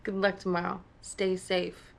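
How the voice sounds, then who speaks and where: An actress in a live-action video game scene, talking in a teasing, playful way. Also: female voice, mid-range voice, monotone, unhurried, vocal fry.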